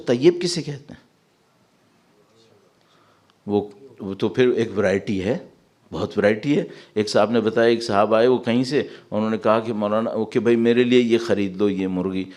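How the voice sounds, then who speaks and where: A man's voice: fairly low pitch, a little mellow. A male preacher giving a Muharram sermon in a large hall, reciting verses and putting questions to the listeners. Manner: mixes English words into Urdu speech. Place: large mosque hall with a congregation.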